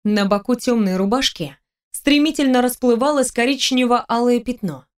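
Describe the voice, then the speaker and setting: A woman's voice: on the high side, normal speed. A woman narrates a fantasy audiobook in the first person, telling the story expressively. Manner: expressive storytelling, with the heroine's lines read in her own voice.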